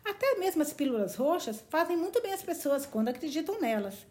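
A woman's voice: sits high, sing-song, brisk, darkish tone, voice pushed up. A woman reading the lines of an ardent, blunt young man from a novel. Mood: fond.

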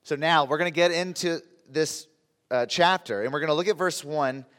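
A man preaching a conversational sermon in a deep, under-the-weather voice, with halting, emphatic phrasing. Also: fairly bright tone. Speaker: pastor. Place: large reverberant room, preaching to a congregation. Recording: reverberant hall sound.

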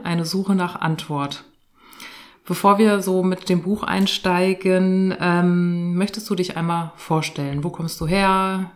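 A woman hosting a podcast interview from a living room, talking in a relaxed, friendly way with frequent fillers. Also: fairly low pitch. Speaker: podcast host. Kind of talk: casual conversational interview.

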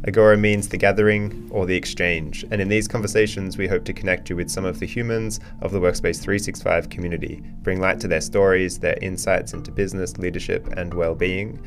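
A man's voice: deep voice, level tone, brisk, hardly any pauses, faint music behind. A man hosting a podcast interview, encouraging his guest with frequent mm-hmms and ums. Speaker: podcast host.

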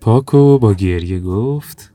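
A man narrating a children's story in a calm, even storytelling manner. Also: on the low side, no echo, soft background music.

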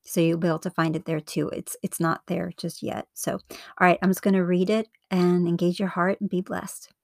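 A woman's voice: lowish voice, little pitch movement, moderate pace, gravelly, a little mellow, no room sound. A woman podcast host speaking close and intimately, right up at the mic, in an earnest, encouraging devotional style. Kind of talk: devotional podcast talk and reading.

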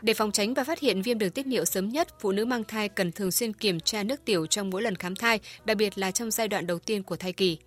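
A woman's voice: medium pitch, a little fast, hardly any pauses, soft background music. A woman presenter reading scripted health information in a formal broadcast narration style.

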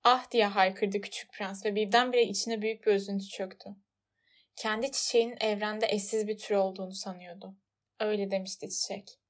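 A woman's voice: medium pitch, steady tone, brisk. Woman reading a storybook aloud. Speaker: audiobook narrator. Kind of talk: scripted storybook narration.

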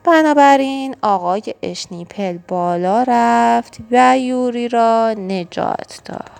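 A woman reading a children's storybook aloud, expressive and engaging, speaking to the young listener. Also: a little high, creaky, faint music behind. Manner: warm, expressive and engaging, asks the listener questions.

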